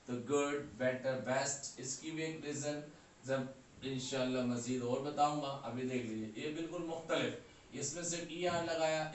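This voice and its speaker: A man's voice: medium pitch, a little hiss or hum. A man teaching English grammar, spelling words out letter by letter and checking that students follow. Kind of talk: classroom grammar lecture. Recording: echoey room, far from mic, faint ambience.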